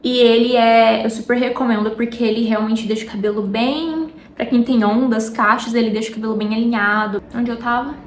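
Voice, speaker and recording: A woman's voice: a little high, fairly even intonation, fairly quick, few pauses. Heartfelt Brazilian woman in an echoey room. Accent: Brazilian Portuguese. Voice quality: warm, intimate, talks directly to viewers as "meu amor". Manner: chatty and heartfelt, drifts off topic mid-thought. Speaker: vlogger. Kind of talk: casual faith vlog talk. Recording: echoey room with faint background noise.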